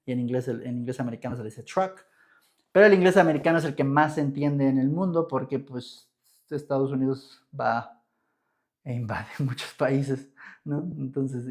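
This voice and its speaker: A young Mexican man with a mid-range, slightly mellow voice teaches English grammar on a live stream in a Mexican Spanish accent. He's chatty, responds to viewer comments, and keeps checking in with "¿ok?"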